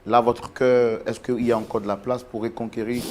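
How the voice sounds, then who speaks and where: A man playing a mediator who calmly and formally tries to settle a couple's quarrel, speaking. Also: medium pitch, a little hiss or hum, natural voice. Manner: calm, formal, measured. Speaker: mediator on a couple-counseling show.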